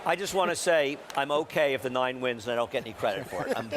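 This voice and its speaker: A man's voice: mid-range voice, lively intonation, fast talker, fairly bright tone. A man giving live horse racing analysis in conversation, outdoors at a racetrack. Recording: noisy outdoor trackside broadcast.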